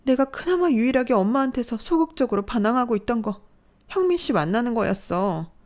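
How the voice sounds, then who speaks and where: A woman's voice: fairly high pitch, very animated, brisk, a little mellow, pitched above the performer's own voice. A woman voicing a distressed young adult daughter who pleads and lashes out at her mother in a dramatized story. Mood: distraught. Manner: pleading, tearful outbursts.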